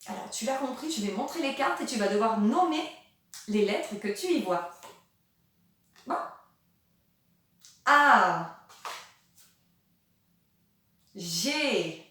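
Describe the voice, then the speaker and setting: A woman teacher talking slowly and patiently to young children, switching between French and English and asking exaggerated questions. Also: on the high side, expressive. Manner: sings nursery songs. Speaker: kindergarten teacher. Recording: very echoey room, voice from a distance.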